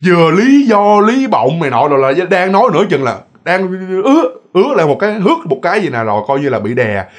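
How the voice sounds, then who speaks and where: A man's voice: a little high, very animated, fast talker. A man with a Southern Vietnamese accent telling ghost stories in a chatty, repetitive way, talking straight to his listeners. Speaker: ghost story narrator. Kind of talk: casual storytelling.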